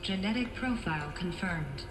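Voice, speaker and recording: A glitching security computer. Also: female voice, lowish voice, moderate pace. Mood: malfunctioning. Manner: flat, clipped announcements. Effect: malfunctioning machine voice. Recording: echoey with loud background noise.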